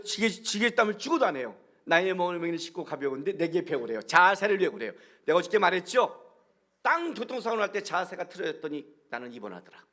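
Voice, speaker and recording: A middle-aged male pastor giving a guest sermon, telling stories and acting out bits of dialogue. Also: sits high. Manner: animated storytelling with acted-out dialogue.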